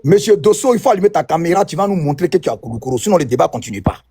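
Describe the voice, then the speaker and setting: A man's voice: fairly high pitch, lively intonation, rapid-fire, mellow, husky, dry recording, studio quality. A man on a debate panel, accusing and taunting, repeating his charges over and over. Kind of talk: heated online debate.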